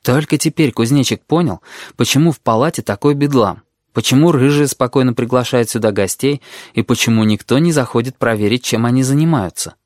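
An audiobook narrator giving a steady storytelling read. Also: medium pitch, brisk, no room sound, clean studio sound. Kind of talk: scripted narration.

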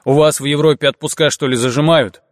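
A loud, jolly rogue of a driver who clearly loves the wheel and a rough word, as a male audiobook reader puts him on. His voice rides well above the narration, brash and folksy, and the recording is dry and close. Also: on the high side, steady tone, fast talker, no echo, voice pushed up, natural voice. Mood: cheerful. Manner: slangy, cheerful, boastful.

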